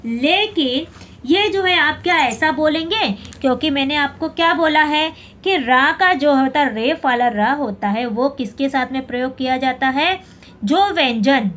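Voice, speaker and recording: High-voiced woman teaching a patient lesson. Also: a bit bright, a little hiss or hum. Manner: patient, repeats words slowly, personifies letters. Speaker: Hindi teacher. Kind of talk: classroom lesson explaining pronunciation.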